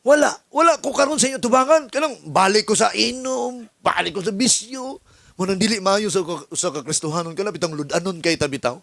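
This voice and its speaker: A male pastor from the Philippines preaching a sermon as an animated story, acting out dialogues. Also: high-pitched, a little fast, creaky, no echo.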